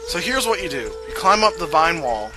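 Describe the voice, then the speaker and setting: A man's voice: on the high side, big pitch swings, a little fast, poor audio. A man from the Southern US giving casual walkthrough commentary on a video game, full of fillers and asides. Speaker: let's play host. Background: game music.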